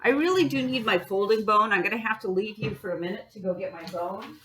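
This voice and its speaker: A woman's voice: mid-range voice, a little fast, fairly bright tone, slight background noise. A woman teaching a bookbinding class, chatty and encouraging, talking students through each step and humming as she works. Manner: chatty and encouraging, hums and sings while working. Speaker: art teacher. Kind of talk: bookbinding demonstration.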